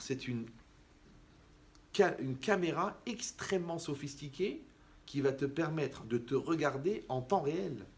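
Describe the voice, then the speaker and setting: A man giving a lively, conversational sermon as a rabbi, who acts out the people he quotes. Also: a little high, slight background noise. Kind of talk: animated sermon.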